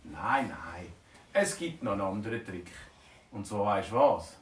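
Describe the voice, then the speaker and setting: Swiss guy doing an excitable dragon in a bedtime story, lively squawky voice, roomy sound. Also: measured pace, slight background noise. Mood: teasing. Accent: Swiss German. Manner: exclaiming, high and loud. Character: excitable loud male dragon, friendly. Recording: roomy, distant from mic.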